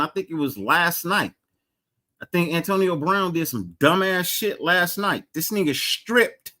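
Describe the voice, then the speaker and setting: A man hosts a loose, casual live sports podcast, calling out chat viewers by name. He has a mild stutter and repeats words, and his voice rises and grows more animated when he gets excited.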